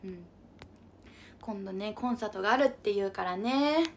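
A woman's voice: medium pitch, moderate pace, slight background noise. A young woman hosting a casual livestream, bubbly and chatty as she reads out viewer comments. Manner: bubbly, refers to herself with an unusual cutesy pronoun. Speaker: livestream idol host.

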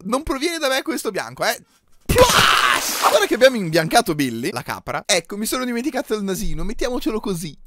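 A man giving playful, hyper gaming commentary, with sudden shouts and sing-song bits. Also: high voice, very animated, fast, hardly any pauses, very noisy. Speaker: Minecraft YouTuber.

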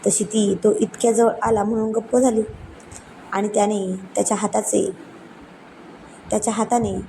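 A woman narrating a romantic story, unhurried and with frequent restarts. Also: medium pitch, mellow, slight background noise, low-quality recording.

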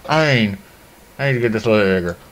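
A man in his thirties giving casual, halting commentary as host of a gaming challenge video, with exclamations and muttered asides. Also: on the low side, lively intonation, fairly bright tone. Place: small room indoors. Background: music.

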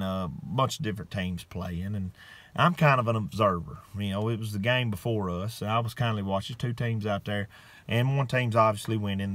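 Folksy male storyteller, bright voice, dry close sound. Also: fairly low pitch, no echo. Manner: folksy, drawn-out, frequent "okay?" asides. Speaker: host. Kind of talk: comedic storytelling monologue.

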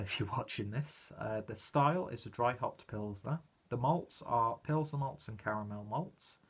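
On his own channel, a British beer reviewer rambles casually through a video, chatting away and poking fun at himself. He speaks with a mid-range, husky voice.

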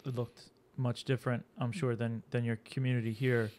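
A man in his thirties hosting a podcast, chatting in a relaxed way and prompting his guest with questions in a studio. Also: medium pitch, moderate pace. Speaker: podcast host. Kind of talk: casual interview talk. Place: studio set with dark curtains. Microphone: boom mic on stand.

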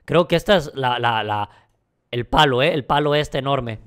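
A man giving excited gameplay commentary, with frequent dramatic, startled shouts. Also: mid-range voice, normal speed, slight background noise. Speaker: gaming YouTuber.

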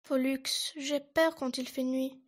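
A woman voicing a boastful little boy beaver who gloats loudly. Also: high voice, fairly even intonation, unhurried. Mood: meek. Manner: gloating, loud and bouncy.

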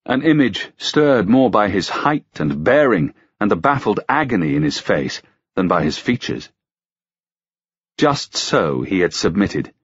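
A man narrating a historical romance audiobook in a measured, dramatic reading style. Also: lowish voice, husky, dry recording, dull audio.

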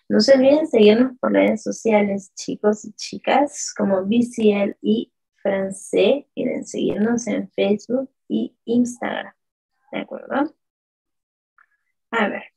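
A woman teaching a live online French lesson, modelling words slowly and repeatedly and answering viewers from the chat by name. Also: mid-range voice, gravelly, darkish tone, slightly rough, poor audio.

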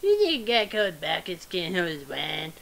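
A woman voicing a boisterous, scheming older male fight promoter in a video game, with gruff salesman-like patter. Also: lowish voice, very animated, moderate pace, a little hiss or hum, voice pushed down. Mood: easygoing.

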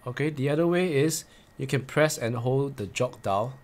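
A man in his forties walks through motorcycle gear tips step by step, plainly and instructively. His mid-range voice moves at a moderate pace, and he repeats key points to drive them home.

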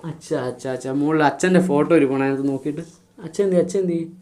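A man's voice: on the high side, fast, very noisy. A man filming himself playing with a toddler, using coaxing, repetitive baby talk full of sing-song questions.

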